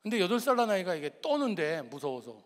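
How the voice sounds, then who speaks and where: A middle-aged pastor delivers a sermon, telling a family story with feeling. His voice sits fairly high for a man and swings from lively to hushed. The sound carries the long reverb of a large hall. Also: fast talker, a little hiss or hum. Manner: storytelling, emotional, shifts between lively and hushed.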